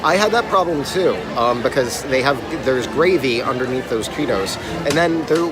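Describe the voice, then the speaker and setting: A man's voice: medium pitch, animated, normal speed. A man co-hosting a food review in a casual, chatty way, with wry, opinionated remarks. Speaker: co-host of a food review show. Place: outdoors in a busy theme park. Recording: crowded outdoor park with music. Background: music and crowd chatter.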